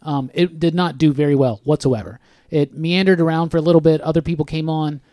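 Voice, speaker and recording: A man's voice: on the high side, fairly even intonation, fairly quick, warm tone, no echo. A man co-hosting a casual podcast chat in a studio, rambling and saying "like" a lot. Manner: rambling, says "like" often. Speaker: podcast co-host. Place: recording studio.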